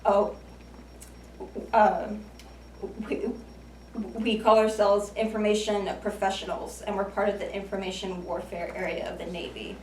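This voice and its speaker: Her mid-range voice stays level and a little slow as this twenty-something American woman runs through a prepared, self-mocking speech peppered with light humor at a speaking club. There's slight background noise, and the echoey room is captured from a distance.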